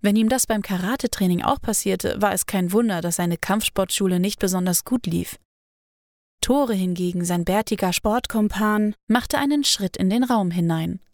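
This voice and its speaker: Female audiobook narrator; mid pitch, dry studio sound. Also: normal speed, no echo. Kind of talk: scripted narration.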